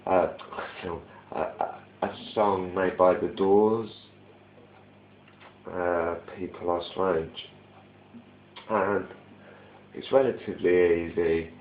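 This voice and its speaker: A man giving a relaxed, hesitant guitar lesson with many ums, recorded on a mobile phone in low quality. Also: takes it slowly, long pauses, slight background noise. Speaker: guitar player teaching a song. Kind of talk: casual guitar tutorial. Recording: tinny, muffled, echoey phone recording with guitar.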